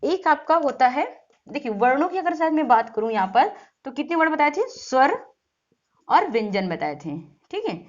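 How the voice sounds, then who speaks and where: High-voiced woman teaching, quizzing herself. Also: big pitch swings, moderate pace, highs cut off. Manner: repetitive, quizzing students and answering herself. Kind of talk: exam-prep grammar lesson.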